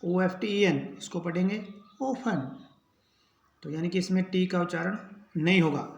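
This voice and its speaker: A man teaches English pronunciation at an unhurried pace. His voice sits high, and he spells out each word letter by letter before repeating how it is said. The sound carries a roomy echo. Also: gravelly. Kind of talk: slow spelling lesson.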